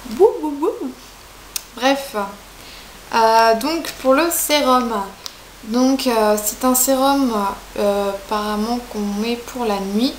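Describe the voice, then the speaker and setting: A woman's voice: on the high side, takes it slowly. Chatty young woman in an echoey room. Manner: chatty, hesitant, many fillers. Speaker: beauty vlogger. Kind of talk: casual product review. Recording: echoey room, faint hiss.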